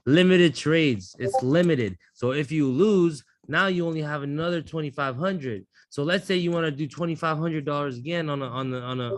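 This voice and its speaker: Male instructor, slightly high voice, dry close sound; brash, swearing, rambling teacher running a class. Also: dry recording. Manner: blunt, profane, rambling restarts. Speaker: trading instructor.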